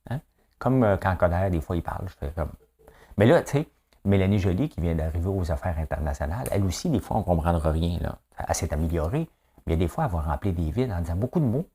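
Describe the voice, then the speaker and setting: A Québécois man talks through the day's news on his own, chatty and loose, tossing in little tag questions and exclamations. His voice sits low, with a dark, mellow warmth. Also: expressive, quick pace, slightly rough. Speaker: morning news commentator. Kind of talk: casual solo commentary.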